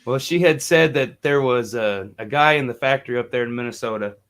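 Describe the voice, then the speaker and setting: This podcast host has a medium-pitched, somewhat bright voice and a brisk delivery. Running a relaxed music talk show, he tells stories casually and performs phone calls using put-on voices.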